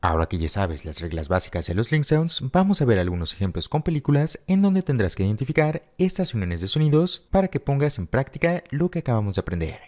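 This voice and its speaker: A man explaining pronunciation rules as a teacher in patient, step-by-step scripted narration, slowing down to model example phrases. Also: medium pitch, very animated, darkish tone. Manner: models English phrases slowly. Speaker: English teacher.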